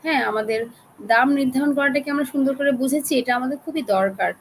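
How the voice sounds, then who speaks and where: A woman with a Bangladeshi accent teaching an online class, chatty and coaxing, keeping her voice soft to spare her throat. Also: high-pitched, quick pace, a little hiss or hum, rough recording. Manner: chatty, coaxing, talks straight to learners.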